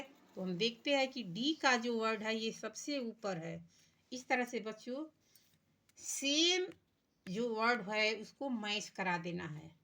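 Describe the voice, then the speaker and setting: A woman's voice: on the high side, bright, forceful tone. A woman teacher, walking young children through a workbook step by step and translating English words into Hindi. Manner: reads English lines very slowly.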